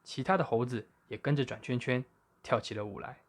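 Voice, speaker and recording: A male storyteller who reads a children's tale aloud. He keeps his voice at an ordinary middle pitch and tells the story with lively expression. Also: fairly quick, slight background noise.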